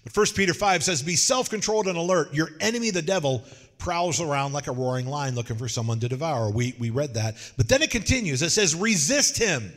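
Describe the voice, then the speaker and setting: Joking preacher man, slightly high voice, lively storytelling sermon. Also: fairly quick, in a large hall. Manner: folksy, joking, animated storytelling. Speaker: pastor.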